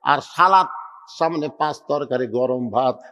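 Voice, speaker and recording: A man, preaching a storytelling sermon with dramatic swings between loud and hushed. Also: medium pitch, a little slow. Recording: long hall reverb.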